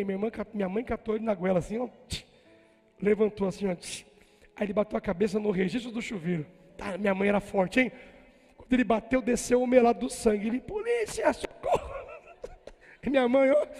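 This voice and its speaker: A man preaching a sermon in a church, a pastor with a Brazilian Portuguese accent who moves from soft, folksy storytelling to shouted exhortation. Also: high voice, in a large hall. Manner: animated preaching that swings from soft asides to shouting.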